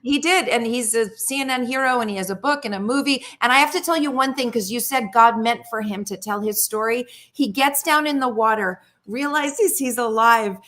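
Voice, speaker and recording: A woman's voice: fairly high pitch, fairly quick, few pauses, a bit bright. A woman speaking as a guest expert on a talk show, earnest and telling a story, often repeating words as she restarts. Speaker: guest psychologist.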